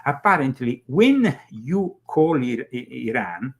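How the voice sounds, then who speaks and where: A man hosting a political commentary show, talking casually with halting starts and many fillers. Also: mid-range voice, big pitch swings. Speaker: host.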